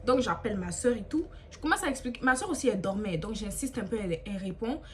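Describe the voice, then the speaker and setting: A young woman telling a personal story in a casual vlog, animated and emphatic, acting out the dialogue. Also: medium pitch, fast. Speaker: storyteller, channel host.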